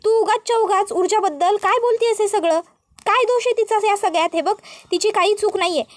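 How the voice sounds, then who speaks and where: Exasperated young husband, pleading, very high voice, read by a woman narrator. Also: brisk, no room sound, studio quality. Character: young husband pleading with his angry mother.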